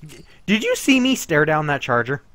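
Fairly bright and very animated, his voice sits on the high side and moves at a normal speed. He's a gameplay commentator in a relaxed chat with a friend during a cooperative zombie game, full of jokes, rambling tangents, and frequent laughter.

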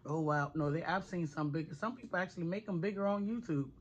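A woman vlogger reviewing candy at home in a relaxed, chatty way, laughing often. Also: lowish voice, fairly quick, dull audio. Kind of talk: casual chat. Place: home, at a table.

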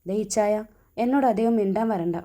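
A woman reading as a sharp-tongued young bride. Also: medium pitch, moderate pace, lightly acted. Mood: indignant. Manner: indignant, pleading.

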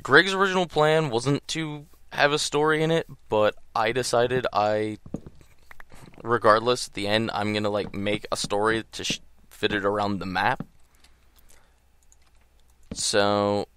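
A man offers casual gameplay commentary in a groggy early-morning voice, rambling and hesitant, full of ums and trailing thoughts. His voice is lowish, smooth and fairly bright, steady and a little slow, and the recording is dry.

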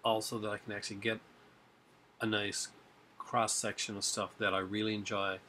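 Talking to the webcam on his desk, a man in his forties rambles casually about his disc collection, with shelves of discs around him at home and lots of fillers and restarts. He has a fairly low pitch and flat delivery at normal speed, and the sound is pushed and bright with a little hiss or hum.

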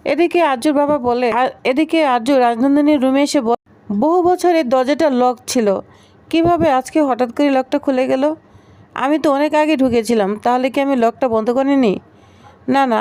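A woman's voice: high voice, darkish tone, no room sound. A woman retelling a TV serial episode and reading each character's lines in her own voice. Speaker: episode recap narrator.

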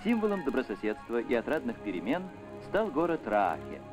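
A man narrates an old 1970s newsreel in a solemn, official, declamatory manner. His intonation rises and falls widely, and his pitch sits in the middle. Music plays clearly beneath his voice throughout. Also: sing-song, a little fast. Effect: old 1970s newsreel soundtrack.

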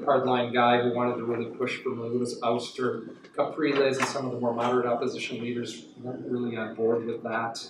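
Recorded from a distance by a camera with no microphone, the echoey classroom audio carries a lot of background noise. A middle-aged journalist visiting a university answers audience questions at medium pitch, wandering through his replies with frequent fillers and restarts.

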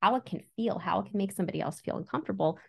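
A woman speaking as an interview guest, a school therapist who explains how lessons work and acts out little classroom examples. Her voice sits at a middle pitch with a noticeable vocal fry. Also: rapid-fire. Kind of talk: conversational interview.

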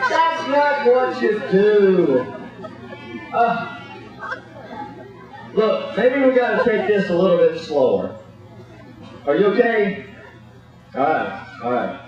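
Exasperated coach shouting across an echoey gym. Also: male voice, sits high, very animated, slow pace, long pauses, soft background music, a faint crowd. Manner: exasperated, bossy, scolding. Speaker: coach in a clown gymnastics act. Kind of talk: comic coaching patter over a live act. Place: large indoor gymnasium with audience. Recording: echoey distant muffled gym recording.

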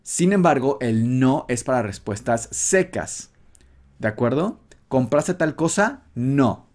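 Slow, patient male language teacher. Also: mid-range voice, animated, a little mellow. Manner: patient, slow and repetitive, drills phrases. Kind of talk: online language lesson.

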